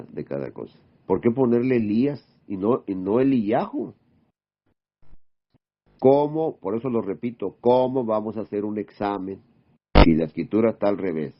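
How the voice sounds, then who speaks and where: A man giving an informal sermon, firing off rhetorical questions and checking in with a quick "mm?". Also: medium pitch. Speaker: preacher. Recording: dull lo-fi recording.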